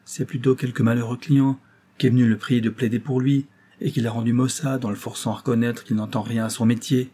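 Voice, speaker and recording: A man reading the part of a frank, impulsive young woman who speaks in a lively, indignant way. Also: medium pitch, fairly quick, slightly rough, lightly acted.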